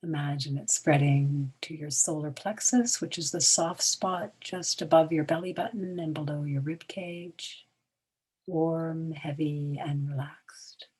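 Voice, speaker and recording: A woman guides a relaxation meditation, speaking very slowly in a low, breathy voice. Her short, calming phrases come with long pauses, often softening toward a whisper at the close, and her intonation is fairly even. The audio is poor.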